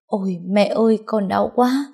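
A woman's voice: on the low side, normal speed, dark tone, close to an everyday voice. A woman voicing a frightened young mother in labor. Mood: crying. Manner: weak, tearful.

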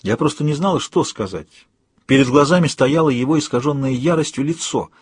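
Male audiobook reader, husky tone, dry close sound, steady read. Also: medium pitch, a little fast, dry recording. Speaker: audiobook narrator. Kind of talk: scripted audiobook narration.

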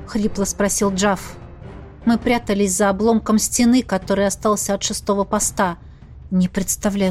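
A woman narrating a fantasy audiobook with an expressive, dramatic reading. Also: mid-range voice.

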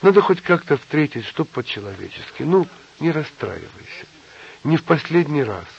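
Storybook figure: timid, eager-to-please husband, read by a man. Soft, pleading, a little husky. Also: a little high, very animated, normal speed, voice pushed up, heavily acted. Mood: coaxing. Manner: coaxing and soft-spoken. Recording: slightly dull lo-fi audio.

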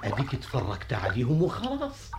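Old jinn servant, indulgent, Egyptian accent, noisy radio recording. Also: male voice, medium pitch, wildly swooping pitch, quick pace. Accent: Egyptian Arabic. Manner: chuckling, deferential. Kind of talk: 1960s Egyptian radio drama acting.

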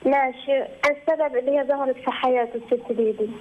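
Rushed Egyptian woman on a muffled phone line. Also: high voice, fairly even intonation. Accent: Egyptian Arabic. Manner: pleading, rushed, repeats herself. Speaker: caller seeking advice. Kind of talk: emotional phone-in call.

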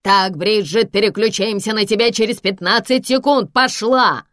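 A woman reading an audiobook voices an impatient male TV producer who shouts orders. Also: medium pitch, a little fast, no room sound, studio quality, close to an everyday voice. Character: harried male TV news producer, bossy.

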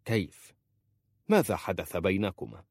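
A sharp-tongued, worried uncle scolds in a deep, dry voice, as a male narrator voices him. The storybook reading is close to the mic. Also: sing-song, moderate pace, gravelly, no echo, exaggerated voice. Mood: scolding. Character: stern worried older uncle, protective.

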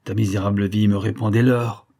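Man putting on a raging haughty count, thundering, dark husky voice, raised loud delivery, audiobook. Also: on the low side, level tone, fairly quick. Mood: furious. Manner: thundering, scornful outbursts. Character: furious, haughty noble count, middle-aged man.

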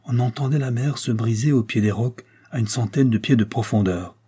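A man narrating a historical novel in a steady, measured manner. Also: mid-range voice, husky. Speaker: audiobook narrator. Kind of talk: literary narration.

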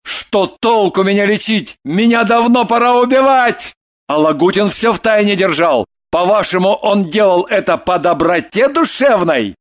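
A man's voice: high-pitched, animated, normal speed. A man voicing a troubled young male killer who bitterly confesses, in an audiobook reading.

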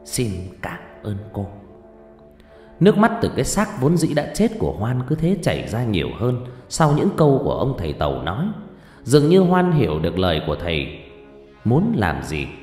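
A man's voice: medium pitch, wildly swooping pitch, brisk, a little mellow. A man reading a horror story aloud as a scripted narration. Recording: roomy reverb with faint music.

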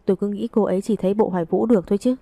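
A woman's voice: medium pitch, fairly even intonation, racing, creaky, dark tone, no room sound. Woman reading as a cheeky young man, teasing. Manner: teasing, playful. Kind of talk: audiobook reading.

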